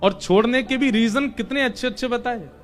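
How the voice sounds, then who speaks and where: A man's voice: very high-pitched, moderate pace, soft background music. A man narrating a devotional story sermon with dramatic emphasis, acting out the characters as he goes. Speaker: religious storyteller.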